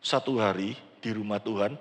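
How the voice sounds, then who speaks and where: An older man preaching a sermon in a large church, acting out quoted prayers with animated delivery. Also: lowish voice, moderate pace. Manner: animated preaching, acts out quoted prayers, mixes in Javanese words. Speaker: pastor. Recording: church sound system with long hall reverb.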